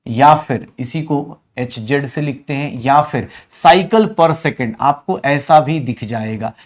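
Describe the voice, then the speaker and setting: A man's voice: mid-range voice, takes it slowly. A man giving an online chemistry lecture, mixing English terms into Hindi, calling students beta and bhaiya, and repeating each question to the class before he answers it. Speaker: chemistry teacher.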